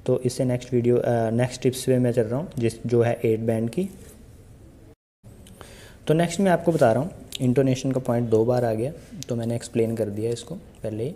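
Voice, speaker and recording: Dark-voiced chatty male IELTS coach. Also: mid-range voice, steady tone, brisk. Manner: chatty, addresses viewers directly with rhetorical questions. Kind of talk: casual Hindi tutorial monologue.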